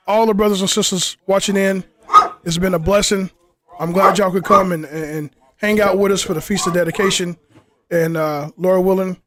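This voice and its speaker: A man hosting a casual outdoor podcast interview, who keeps tossing in "you know what I'm saying" as he talks. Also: high-pitched. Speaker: interviewer and group leader. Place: outdoors in the cold.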